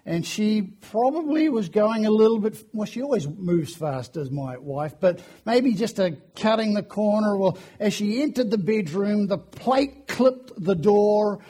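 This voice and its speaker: Hoarse fifty-something preacher, high voice. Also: male voice, expressive, measured pace, hardly any pauses, dark tone. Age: 50s. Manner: chatty, self-deprecating storytelling. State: hoarse from flu. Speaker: guest preacher. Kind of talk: sermon. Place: church.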